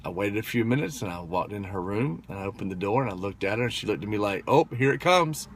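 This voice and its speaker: Chatty dad telling a story. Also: male voice, fairly low pitch, fast talker, slight background noise. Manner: conversational, full of fillers and tag questions. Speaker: motivational vlogger. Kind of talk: casual storytelling monologue.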